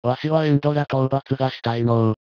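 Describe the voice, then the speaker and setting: A man's voice: mid-range voice, steady tone, a little fast, smooth, no room sound, close to an everyday voice. A man voicing a stubborn old grandpa gamer who talks in old-fashioned elderly speech endings. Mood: eager. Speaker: co-player. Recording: dull lo-fi sound with faint music.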